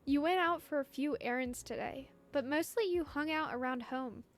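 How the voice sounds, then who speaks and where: A woman streamer narrates a story game aloud with a high, expressive voice. She reads each line with feeling and breaks off for playful asides. Soft music plays underneath. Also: moderate pace.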